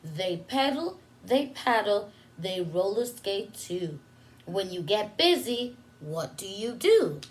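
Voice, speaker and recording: A woman with a medium-pitched voice and wide pitch swings reads a story to young children. She's a preschool teacher running story time, explaining as she goes, asking simple questions and pausing for the kids to answer.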